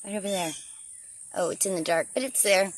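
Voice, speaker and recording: Fairly quick and with fairly even intonation, her mid-range voice narrates a casual outdoor garden vlog. She's a chatty gardener thinking aloud while she works, with slight background noise behind her.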